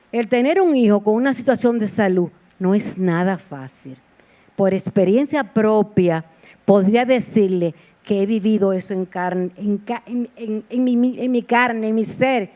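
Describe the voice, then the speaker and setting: A woman's voice: mid-range voice, mellow. A woman preacher giving a sermon in a heartfelt, personal storytelling manner, with repeated exclamations. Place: church sanctuary.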